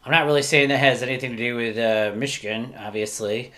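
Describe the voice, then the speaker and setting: A man's voice: medium pitch, steady tone, fairly quick, a bit bright. A man co-hosting a podcast, talking in a rambling, thinking-aloud way and often correcting himself mid-sentence. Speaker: podcast co-host. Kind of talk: casual podcast discussion.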